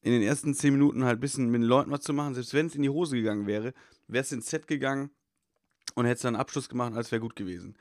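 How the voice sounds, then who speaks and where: A man, a stand-up comedian, chatting casually and telling animated anecdotes about his gigs. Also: medium pitch, rapid-fire, dry recording, clean studio sound. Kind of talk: casual chat.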